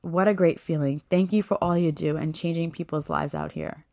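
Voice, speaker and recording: A woman's voice: on the low side, fairly even intonation, normal speed, mellow. A woman in her thirties hosting a personal faith podcast, talking in a heartfelt, rambling way full of "like" and "you know". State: voice cracking with emotion. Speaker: podcast host.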